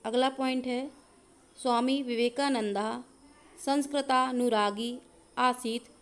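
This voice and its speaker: Woman, high voice, very slow, methodical teacher dictating answers. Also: fairly even intonation. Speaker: Sanskrit teacher. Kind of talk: explaining a grammar lesson.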